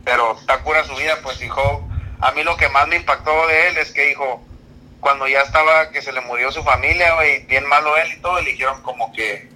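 Bright slangy man chatting. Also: fairly high pitch, fairly quick, rough recording. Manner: slangy, peppers every phrase with a casual filler. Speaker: podcast host. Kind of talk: casual chat.

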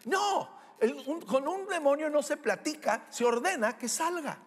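A man preaching a sermon as pastor, animated, with rhetorical questions and humorous asides. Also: extremely high pitch, a little slow. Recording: echoey hall reverb.

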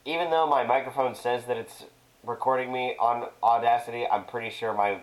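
A woman's voice: very deep voice, fairly even intonation. A woman co-hosting a casual podcast, joking and swearing, and her voice sounds tinny, like it is inside a tin can, because it was recorded on a camera microphone. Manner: laid-back, swearing, quick joking reactions. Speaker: podcast co-host. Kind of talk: casual chat. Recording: tinny camera-mic sound, slightly distant.

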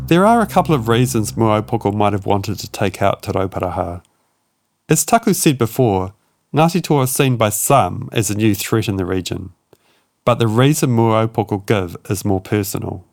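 Low-voiced New narrator. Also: male voice, expressive, creaky, no room sound, clean studio sound. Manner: measured, dramatic storytelling. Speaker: documentary narrator and host. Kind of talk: scripted documentary narration. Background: soft music.

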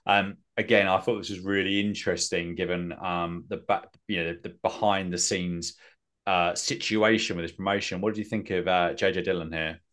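A man's voice: low-pitched, steady tone, normal speed, a bit bright. A man hosting a podcast, recapping in a rambling, self-mocking way with many fillers. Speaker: podcast host. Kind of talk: casual recap chat.

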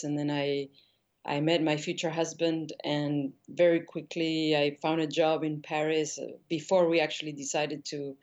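A woman's voice: low-pitched, a little mellow, muffled recording. A middle-aged woman from Argentina, a painter being interviewed, talking in a thoughtful, hesitant way with many restarts. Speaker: guest painter. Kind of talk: casual interview conversation.

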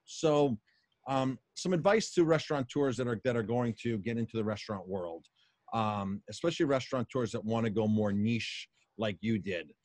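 A man's voice: mid-range voice, normal speed, darkish tone, no room sound. A middle-aged American man hosting a casual interview in a wordy, effusive conversational way. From Colorado, United States. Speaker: interview host.

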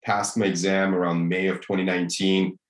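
Russian-born guy in his 30s, low voice, easygoing, echoey room. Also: flat delivery, fairly quick. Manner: easygoing, storytelling. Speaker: guest, mortgage broker. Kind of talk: interview answers.

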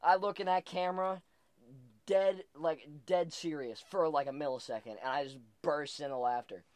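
A man's voice: on the high side, normal speed, no echo. A young man chatting casually, swearing often and breaking into laughter as he tells stories. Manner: profane, laughs often, animated storytelling. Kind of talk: casual chat.

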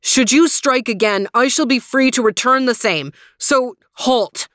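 A woman's voice: fairly high pitch, measured pace, a bit bright, dry recording, studio quality, pitched above the performer's own voice. A woman voicing a proud young male knight who speaks heatedly and defiantly, raising her voice.

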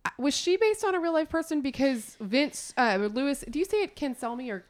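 A woman hosting a casual interview, chatty and excitable with quick laughs. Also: sits high. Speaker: podcast host.

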